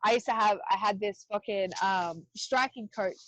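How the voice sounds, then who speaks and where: Woman, 30s, from Australia, candid podcast guest, mid pitch, dry sound. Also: normal speed, fairly bright tone, no room sound, rough recording. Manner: candid, frequent swearing and laughing asides. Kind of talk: casual interview chat.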